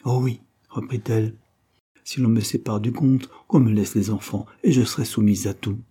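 A man's voice: lowish voice, fairly even intonation, moderate pace, warm tone, breathy edge. A man voicing a proud, pleading countess. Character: dignified, tearful young noble mother.

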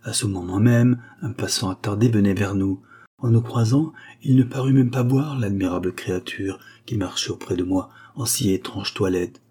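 A man narrating a literary story as an audiobook, in a measured, unhurried delivery. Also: fairly low pitch, dark tone, slightly rough. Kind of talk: audiobook reading.

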